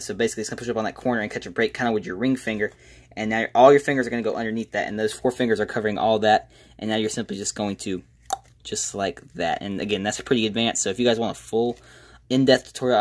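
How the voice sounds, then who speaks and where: A man presenting a casual, step-by-step magic tutorial in an informal, self-deprecating way. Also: on the low side.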